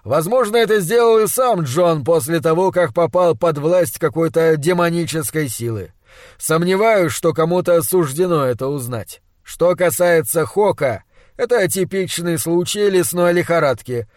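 A man voicing a stern, weary doctor who speaks slowly and gravely. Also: fairly high pitch, lively intonation, dry recording, clean studio sound, lightly acted. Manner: slow, measured, grave.

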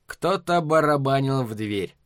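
A man narrating an audiobook in an even storytelling manner. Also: medium pitch, unhurried, no room sound, clean studio sound. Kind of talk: scripted narration.

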